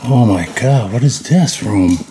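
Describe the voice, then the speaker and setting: An urban explorer in his thirties talks to his vlog audience at a measured pace, his mid-range voice lively in intonation as he wanders an abandoned house and garage with awe. The handheld camera mic picks up echo from the empty rooms plus background noise.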